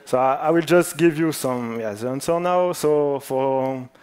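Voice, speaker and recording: A man's voice: mid-range voice, measured pace, a little mellow. A man presenting at a conference who runs a joking quiz in a playful, teasing manner. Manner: playful, jokes about national clichés.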